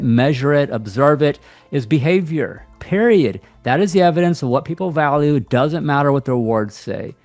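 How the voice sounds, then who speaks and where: A man's voice: medium pitch, a little mellow, no room sound. A man speaking in a blunt, conversational monologue about relationships, with frequent asides and mock quotes. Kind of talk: casual monologue to camera.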